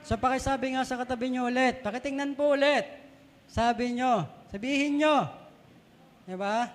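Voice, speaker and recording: High-voiced Filipino man preaching in a hall. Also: normal speed. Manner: conversational, asks the congregation questions. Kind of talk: sermon. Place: church hall. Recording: long reverb of a church hall.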